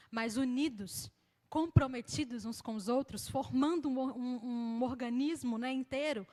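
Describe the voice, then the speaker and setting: A Brazilian woman minister preaching a sermon in a lively, conversational way, acting out the people she quotes. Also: high voice. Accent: Brazilian Portuguese. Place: church hall. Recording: long hall reverb.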